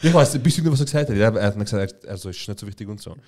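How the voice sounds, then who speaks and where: A man's voice: on the low side, expressive, racing, darkish tone. A young man, telling a story in casual, slangy chat and rambling along.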